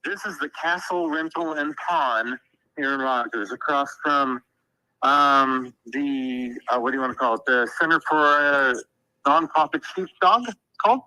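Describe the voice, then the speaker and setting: A man's voice comes through a speakerphone as he calls in a live damage report. His tone is sharp and bright, and he pauses often to find the right words. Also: medium pitch, poor audio. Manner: halting, searches for words. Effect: speakerphone call. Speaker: storm spotter.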